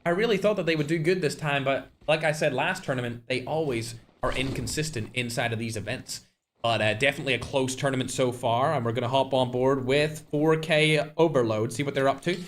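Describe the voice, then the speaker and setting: On a live stream, a young man casts and hosts a mobile game tournament, addressing chat directly in a chatty tone with animated bursts of commentary. His medium-pitched voice moves briskly, with a little hiss or hum on the audio.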